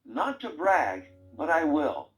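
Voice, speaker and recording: A man in a slightly high, sing-song voice plays a wisecracking talking brain robot toy, taking his time with teasing, sarcastic lines. The male toy mocks its owner and barks bossy quiz-style prompts. The recording quality is low.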